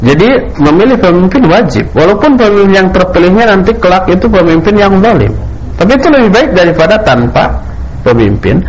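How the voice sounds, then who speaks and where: A man's voice: high-pitched, very animated, a little fast, muffled recording. Male preacher over noisy background. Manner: preacher-like, didactic, rhetorical questions and emphatic repetition. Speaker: Islamic preacher answering questions. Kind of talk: religious lecture, explanatory preaching. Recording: clearly noisy background, room ambience.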